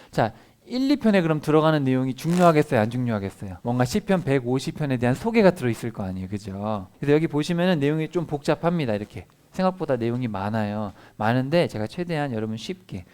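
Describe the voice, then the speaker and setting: A male pastor giving a children's sermon, animated and constantly quizzing the children with questions. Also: mid-range voice.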